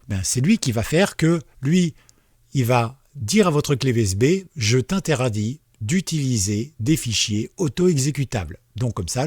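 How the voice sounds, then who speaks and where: A man walks viewers through a computer tutorial in a relaxed, chatty way, padding his explanations with fillers and friendly asides. His voice is mid-pitched and somewhat husky. The recording is dry and close, with no room echo. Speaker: tech tutorial host. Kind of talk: casual screen-share tutorial.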